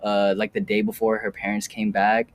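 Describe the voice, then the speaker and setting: Low-voiced young man rambling casually. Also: completely flat delivery, moderate pace, a little hiss or hum. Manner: rambling, restarts, many "like"s. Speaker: podcast guest, new real estate agent. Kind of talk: casual chat.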